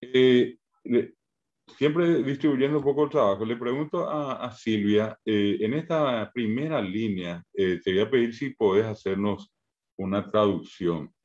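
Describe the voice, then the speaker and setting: A man's voice: medium pitch, darkish tone, highs cut off. A man with a Paraguayan Spanish accent teaching a Guarani class over a video call, patiently sounding out syllables one by one. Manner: patient, spells out syllables slowly. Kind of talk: online language lesson.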